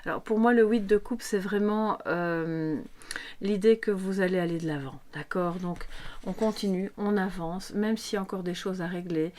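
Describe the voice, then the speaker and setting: A woman's voice: mid-range voice, moderate pace, a little mellow. A woman giving a casual live tarot reading, chatty and affectionate as she talks straight to her viewers at a table microphone. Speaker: tarot reader.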